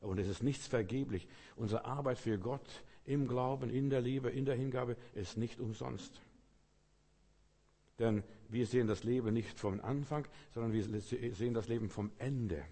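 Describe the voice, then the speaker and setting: A man's voice: medium pitch, normal speed, mellow, breathy edge. A man preaching a sermon with fervent, repetitive exhortation, speaking straight to the listener. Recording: long reverb.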